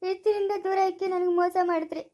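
A woman with a rural Chikkaballapura Kannada accent, acting a sharp-tongued, scheming village mother in a family skit, scolding and accusing. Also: very high-pitched, steady tone, fast. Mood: aggrieved.

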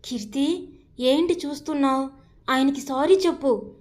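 A woman voicing a worried older brother who scolds his sister in hushed tones. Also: sits high, normal speed, natural voice. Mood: reproving.

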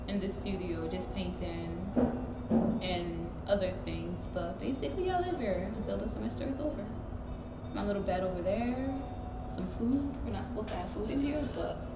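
A young woman from Ghana answers interview questions in a relaxed, candid manner, dropping casual slang as she goes. She is recorded inside a large art studio, so her voice carries a roomy echo. Music plays clearly behind her. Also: mid-range voice, moderate pace.

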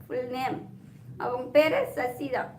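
A woman with a high but darkish voice speaks slowly while hosting a casual live stream. She's chatty and playful, calling out viewers by name as she goes through their comments, and faint ambient noise echoes around the room.

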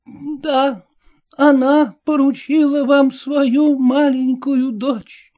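A man voicing a solemn, stern elderly woman who speaks slowly and grandly. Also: level tone, darkish tone, heavily acted. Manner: slow, high, stately delivery.

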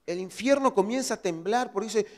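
A male pastor preaching a sermon, swinging from loud exhortation to hushed asides. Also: sits high, brisk, big-room sound. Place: church hall.

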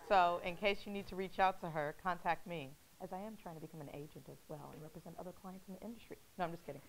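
A woman's voice: lowish voice, fast talker. A woman hosting a casual talk show, playful and giggly, echoing her guests' words back to them. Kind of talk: casual chat show interview.

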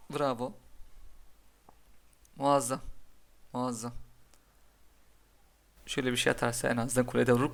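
A young man commentating his own game live, cheering his cards on and scolding the opponent in quick, excitable bursts. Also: mid-range voice. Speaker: gaming commentator.

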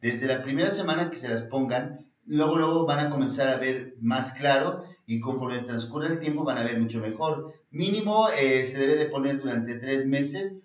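A man's voice: medium pitch, normal speed. A Mexican man hosts a health talk show as a naturopathic doctor, rambling and circling back over his own phrases. He sounds set back from the mic in an echoey room. The sound is muffled and dull. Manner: rambling and repetitive, often restarts phrases, fond of saying "eh" and "este". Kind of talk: health advice talk show with product pitches. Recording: distant mic in a roomy space, dull sound.

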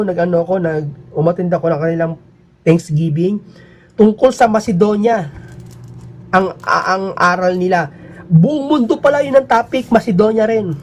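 High-voiced man rambling to viewers. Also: slight background noise. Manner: rambling and emphatic, swinging pitch up and down. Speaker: vlogger. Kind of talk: casual monologue to viewers.

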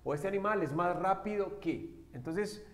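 A man's voice: sits high, normal speed. A man teaching an English grammar lesson to Spanish speakers, explaining step by step and often checking with short questions. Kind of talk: classroom-style grammar lesson.

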